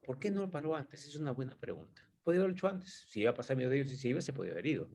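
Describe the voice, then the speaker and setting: A man's voice: medium pitch, expressive, rapid-fire, a little mellow, a little hiss or hum. A man giving an informal Bible teaching, thinking aloud and asking rhetorical questions as he explains the passage.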